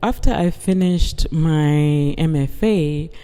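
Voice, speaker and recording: A guest artist from the United Kingdom answering interview questions in a slow, measured, reflective way. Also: medium pitch, mellow, clear, resonant tone. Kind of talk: interview conversation. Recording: long reverb, hall-like.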